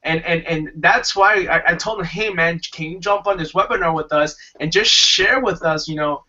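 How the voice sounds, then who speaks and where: A man's voice: on the high side, normal speed, pushed and bright, recorded from a distance, lo-fi sound, slight background noise. A man hosting a webinar, talking enthusiastically in a rambling way with restarts. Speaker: webinar host. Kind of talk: casual pitch talk.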